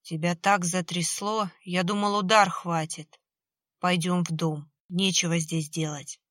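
Blunt, worried grown man, read by a woman narrator, audiobook, slow. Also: lowish voice, flat delivery, fairly bright tone. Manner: blunt, concerned.

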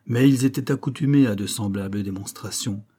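A man narrates a classic novel at a measured, steady pace. His voice is husky and mellow, with a darker, soft tone. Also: on the low side. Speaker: audiobook reader.

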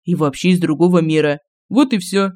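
Мужчина-чтец аудиокниги озвучивает майора, который сбивчиво и уклончиво рассказывает о своём спасении. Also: male voice, on the high side, steady tone, a little fast, a little mellow, no echo, lightly acted. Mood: evasive. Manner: hesitant, averting, matter-of-fact. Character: army major, evasive, tired, telling a made-up story.

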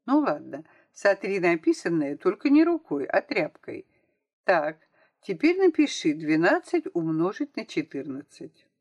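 A woman voicing a patient, kind schoolteacher in an audiobook, gently correcting a pupil. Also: on the low side, big pitch swings, measured pace.

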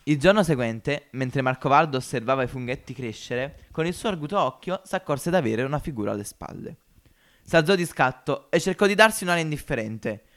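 A man reading a story aloud for a homemade audiobook podcast. He keeps a measured, expressive delivery at a middle pitch. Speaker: narrator. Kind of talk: amateur audiobook narration.

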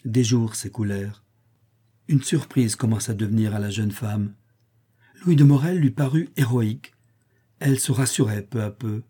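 Audiobook narrator, male, mellow and husky, measured literary reading. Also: on the low side. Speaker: audiobook reader. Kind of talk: scripted narration.

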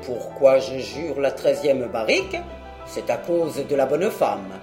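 A reader voicing a gruff, swearing old country squire in an audiobook, speaking loud and boastful. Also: mid-range voice, sing-song, measured pace, over music, pitched below the performer's own voice. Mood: boisterous. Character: blustering old Breton country squire, the uncle. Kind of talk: audiobook character voice.

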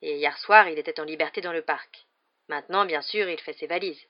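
A reader voicing a big, soft-hearted gamekeeper who talks loudly and excitably. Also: mid-range voice, fairly quick, natural voice. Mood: confiding. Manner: excitable, loud, bursting with news. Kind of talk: audiobook character voice. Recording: slightly dull lo-fi recording.

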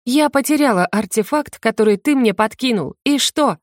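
A woman's voice: fairly high pitch, animated, brisk, no echo, pitched above the performer's own voice, close to an everyday voice. A proud young sorceress, voiced by a woman reading aloud, bristling and indignant, always near tears. Her voice sits well above the reader's own. The recording is dry and close. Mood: furious. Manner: sharp, indignant, on the edge of tears. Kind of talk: audiobook character reading.

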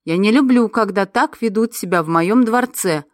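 A woman's voice: mid-range voice, normal speed, no room sound, studio quality, natural voice. A woman voicing a loyal, formal old male dog guardian who sighs and grumbles like a grandfather in an audiobook. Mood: courtly, sighing. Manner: courtly, sighing, grumbles like a grandfather. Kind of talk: audiobook character voice.

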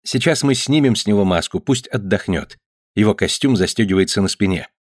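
A man reading aloud, voicing a gentle, kindly circus clown. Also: lowish voice, lively intonation, brisk, no room sound, clean studio sound. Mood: playful. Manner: gentle, storytelling.

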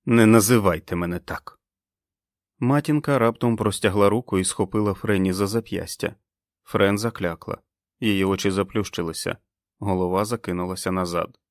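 Man narrating an audiobook, low voice, dry close mic, measured. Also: dry recording. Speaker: audiobook reader. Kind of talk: scripted narration.

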